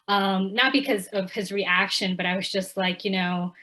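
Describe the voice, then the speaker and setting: Bright-voiced woman from Ecuador, reflective. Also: mid-range voice, steady tone, normal speed, poor audio. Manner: reflective, frequent fillers, quoting others animatedly. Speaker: author guest. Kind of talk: casual interview talk.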